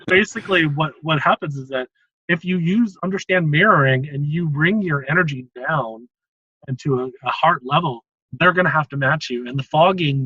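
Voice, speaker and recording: Host type: a husky, higher-pitched man explaining techniques, close and dry on a dull lo-fi recording. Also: pushed and bright, no echo. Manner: explanatory, chuckles often between points. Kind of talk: casual interview chat, explaining techniques.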